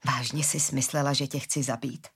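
A woman reading a gentle forgiving father. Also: a bass voice, fairly even intonation, breathy edge, voice pushed down, exaggerated voice. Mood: earnest.

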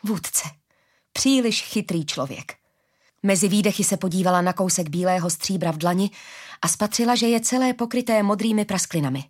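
Woman reading a fantasy book aloud, steady storyteller. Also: mid-range voice. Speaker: narrator. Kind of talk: audiobook narration.

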